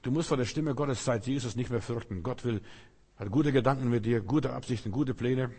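Husky-voiced man preaching in a hall. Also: medium pitch, fairly quick, a little mellow. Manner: preaches in short repeated phrases, addressing the listener directly. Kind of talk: sermon.

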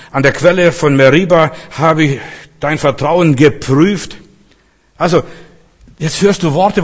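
A male preacher delivers a lively sermon. His voice sits slightly high for a man. Long hall reverb trails after each phrase. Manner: lively, rising and dropping, acts out quotes.

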